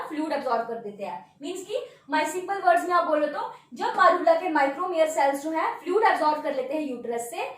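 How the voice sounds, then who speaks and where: एक महिला बायोलॉजी शिक्षिका कक्षा की तरह लेक्चर देती है। वह मुख्य शब्दों को सवाल बनाकर दोहराती है और बार-बार "है ना", "ठीक है" कहकर छात्रों से जुड़ती है।. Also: female voice, high-pitched, recorded from a distance. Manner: repeats key terms as questions and answers them; checks in often with tag words. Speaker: biology teacher. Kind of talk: classroom lecture at a board. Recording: very echoey room, voice off-mic.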